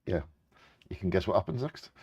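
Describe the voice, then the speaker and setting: Deep-voiced man reading out bingo facts. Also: expressive, brisk, darkish tone, breathy edge, no room sound. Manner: casual, stumbles over scientific names. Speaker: co-host reading out animal facts. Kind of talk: reading facts aloud with casual asides during a live bingo game.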